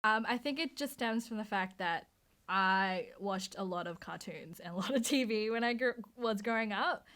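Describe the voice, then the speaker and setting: A woman's voice: medium pitch, fairly bright tone. A woman in her thirties, raised in Australia, answering interview questions about her design career, chatty with frequent fillers and restarts. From Hong Kong, raised in Australia. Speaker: motion designer.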